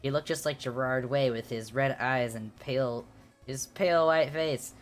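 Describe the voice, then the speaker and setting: A woman's voice: very deep voice, moderate pace, soft background music. A woman streamer reading a fan fiction aloud and breaking off for sardonic, giggly, mocking asides.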